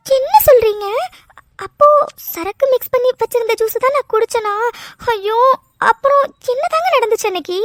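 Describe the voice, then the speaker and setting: A woman's voice: extremely high pitch, moderate pace, no room sound, clean studio sound. A woman voicing a naive, shy young wife in a cartoon romance, innocent and pouting. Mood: questioning. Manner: innocent, pouting, easily tearful.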